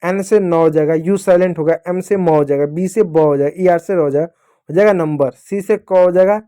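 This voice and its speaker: In this spelling lesson for kids, a man with a high, dark-toned voice speaks at a moderate pace. He addresses the class as children, spelling English words letter by letter and repeating each answer.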